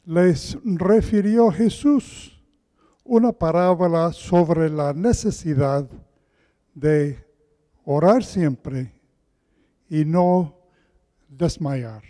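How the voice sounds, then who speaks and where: A soft-voiced man preaches a slow, deliberate sermon, pitched rather high and mellow. His gentle words wash through the long reverb of a large, echoing church hall. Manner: slow, deliberate scripture reading. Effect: heavy echo of a large church hall.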